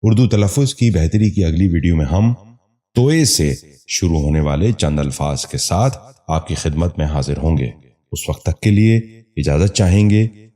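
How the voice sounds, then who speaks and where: A man reading a scripted pronunciation lesson in a formal, polite way, saying each word slowly and carefully and repeating it for learners. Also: low voice, expressive, mellow. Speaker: Urdu pronunciation teacher.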